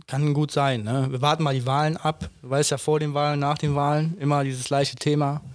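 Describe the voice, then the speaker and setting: A man's voice: fairly high pitch, flat delivery, a little fast, no room sound. Blunt, rhetorical man in his thirties. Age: 30s. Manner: blunt, emphatic, rhetorical questions, frequent "ne?". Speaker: podcast co-host. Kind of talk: casual chat.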